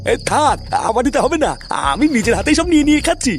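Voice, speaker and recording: A man's voice: very high voice, expressive, fast, faint music behind. An actor voicing a lazy, hungry middle-aged husband in a cartoon, pleading and whining at his wife. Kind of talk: Bengali cartoon dub.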